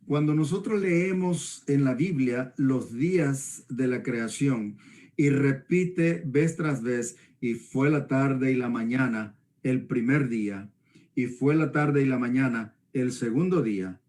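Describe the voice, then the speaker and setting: Talking through the Bible, a man from El Salvador teaches like a pastor in conversation, frequently tacking on tag questions to confirm agreement. His mid-range voice is a little mellow, and his manner is didactic.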